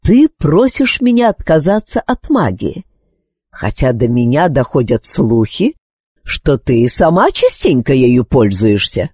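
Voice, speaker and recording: A wise, calm male sorcerer from a storybook, played by a woman reader. He talks slowly with gentle irony, his pitch moving widely. The sound is dry and close. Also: breathy edge, no echo, exaggerated voice. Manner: calm, unhurried, gently ironic.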